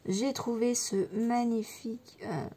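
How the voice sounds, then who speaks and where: A woman vlogger showing her scrapbooking purchases in a chatty, fond way, full of little fillers, sometimes dropping to a soft near-whisper. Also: fairly high pitch, steady tone, slow. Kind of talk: casual haul show-and-tell.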